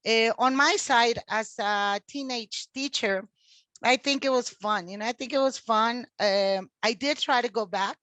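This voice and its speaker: Guest: chatty woman teacher from Mexico, forties, raised pitch, dry close sound. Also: a bit bright, no room sound. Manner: talkative, many fillers and restarts. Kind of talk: casual interview talk.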